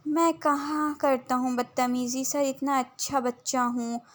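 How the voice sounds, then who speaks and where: A woman's voice: sits high, steady tone, a little slow. A woman voicing a cheeky young male university student who teases and pesters. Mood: teasing.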